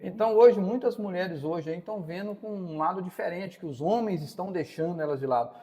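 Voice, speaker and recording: A man's voice: high voice, brisk, dark tone, long reverb tail. A Brazilian man in his forties, a city councilman interviewed on a podcast, speaking casually and saying "cara" often. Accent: Brazilian Portuguese. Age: 40s.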